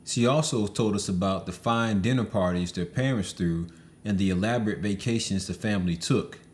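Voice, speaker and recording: A man reads a memoir aloud, his voice sitting somewhat low. The delivery is measured and steady, like a careful audiobook reading. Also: a little hiss or hum. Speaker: audiobook reader.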